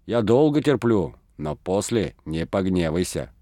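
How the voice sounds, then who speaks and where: A man's voice: low-pitched, very animated, measured pace, dark tone, no echo, studio quality. A man voicing a middle-aged village woman who scolds and accuses in an audiobook reading. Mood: furious.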